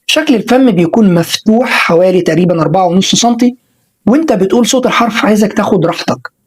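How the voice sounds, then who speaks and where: A woman with an Egyptian Arabic accent teaches an online pronunciation lesson, sounding out words slowly and repeating them for learners to copy. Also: medium pitch, a little mellow, husky, poor audio.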